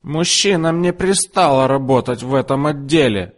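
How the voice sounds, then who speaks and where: A man voicing a bossy, heavyset older woman customer in a story reading, with a shrill, demanding manner. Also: expressive, moderate pace, in a large hall, close to an everyday voice. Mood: indignant. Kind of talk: audiobook character voice.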